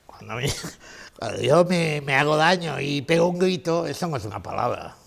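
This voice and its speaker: A man's voice: on the high side, animated, moderate pace, gravelly. A man giving a conference lecture, emphatic, repeating his key phrases and asking rhetorical questions.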